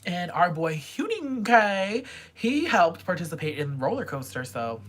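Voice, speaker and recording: A young woman reviews pop albums casually in a vlog, her voice on the low side with big pitch swings and a measured pace. She's a chatty, gushing fangirl who sometimes drops into quiet whispers.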